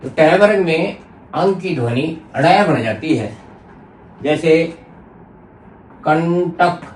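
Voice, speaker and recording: A man with a somewhat high voice teaches a grammar lesson at a very slow, deliberate pace. He repeats example words carefully to show how they are pronounced. He is recorded from a distance in an echoey room with faint background noise. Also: animated.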